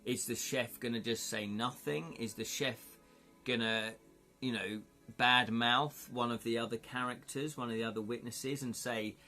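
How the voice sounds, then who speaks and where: Soft music plays behind a British man hosting a live stream, his mid-range voice steady, pushed and bright at a normal speed. Chatting casually with viewers, he thinks aloud and rambles, peppering it with "you know".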